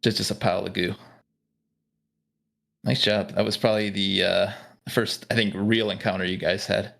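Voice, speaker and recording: A man running a tabletop game as game master, explaining rules in a relaxed way with many fillers. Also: lowish voice, normal speed, vocal fry.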